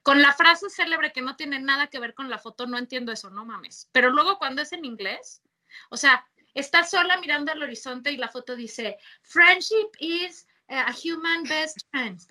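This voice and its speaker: Bright, slangy Mexican woman. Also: high voice, moderate pace. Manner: slangy, animated storyteller, laughs often. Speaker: podcast co-host. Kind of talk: casual chat.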